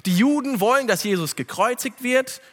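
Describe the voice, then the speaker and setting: A man's voice: extremely high pitch, lively intonation, moderate pace, a bit bright, long reverb tail. A man preaching a sermon, reading scripture and then explaining it with rhetorical questions, speaking earnestly and directly to his listeners.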